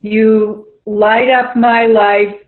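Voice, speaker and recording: A woman's voice: fairly high pitch, flat delivery. A woman speaking affectionately to a friend during a podcast. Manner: slow, affectionate. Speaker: caller, friend of the guest. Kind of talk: heartfelt remarks. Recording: tinny phone-like line.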